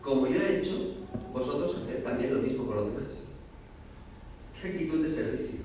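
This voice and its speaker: A man preaching a sermon, talking fast and emphatically and addressing the listeners directly. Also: medium pitch, expressive, dark tone, slight background noise. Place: church hall. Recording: echoey hall, voice from far off.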